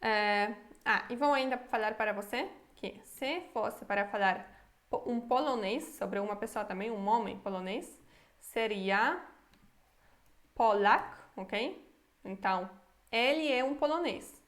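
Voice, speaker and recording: With a fairly high, fairly bright voice, a Brazilian-accented woman who teaches Polish leads beginners through slow, syllable-by-syllable pronunciation practice. She stays patient throughout and frequently checks understanding by asking "tá?".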